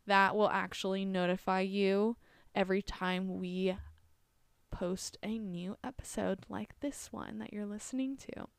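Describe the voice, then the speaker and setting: A woman's voice: mid-range voice, steady tone, unhurried, gravelly, smooth, no room sound. Chatty woman podcast host, dry sound. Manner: friendly, chatty, many fillers. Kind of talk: casual podcast sign-off.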